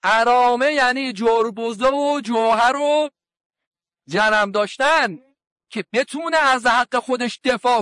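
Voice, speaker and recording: High-voiced cleric telling stories. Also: male voice, a bit bright, no room sound. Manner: retells dialogues with quoted voices, colloquial. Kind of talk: sermon with anecdotes.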